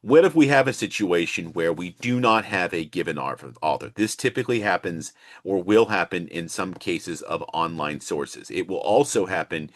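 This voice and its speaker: A man's voice: sits low, animated, moderate pace, dry recording, clean studio sound. A male instructor giving an explanatory walkthrough lesson, restating and stressing key points. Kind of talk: instructional screen walkthrough lecture.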